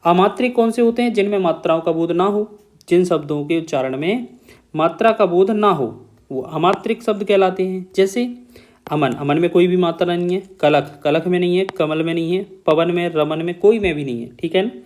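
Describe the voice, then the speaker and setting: A man's voice: high voice, brisk, a little mellow. A man teaching an exam-prep grammar lesson, explaining step by step, repeating key terms and often checking in with his students.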